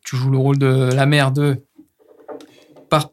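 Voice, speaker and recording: A man hosts a casual chat interview. He keeps things light with jokes and often stumbles over his words, at a medium pitch. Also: completely flat delivery, a little slow, a little mellow. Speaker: interview host.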